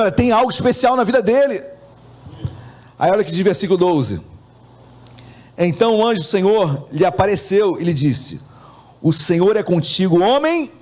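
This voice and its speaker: A man's voice: high voice, darkish tone. A man preaching a sermon as pastor, often turning to the congregation with asides and acting out quoted dialogue by shifting his intonation.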